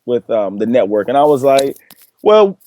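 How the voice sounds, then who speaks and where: A man's voice: mid-range voice, fairly quick. Earnest young man telling his story. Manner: earnest, animated storytelling with acted-out quotes. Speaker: guest. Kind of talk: interview conversation.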